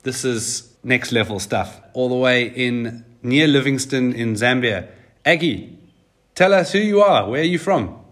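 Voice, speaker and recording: A man's voice: medium pitch, measured pace. Enthusiastic male podcast interviewer. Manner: enthusiastic, lively questioning. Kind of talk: interview chat.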